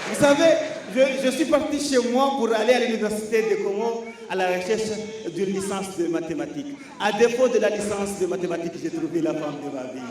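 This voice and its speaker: On a live stage before an audience, a man performs punchy stand-up, telling stories animatedly and repeating phrases for emphasis. His high voice moves fairly quickly with hardly any pauses, picked up by a distant stage microphone in an echoey hall with audience noise.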